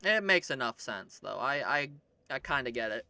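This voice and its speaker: Chill gamer dude, super bright edgy voice, mostly just agreeing w his buddy. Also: mid-range voice, big pitch swings, normal speed, vocal fry. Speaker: gaming co-host. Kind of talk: casual chat while playing a game.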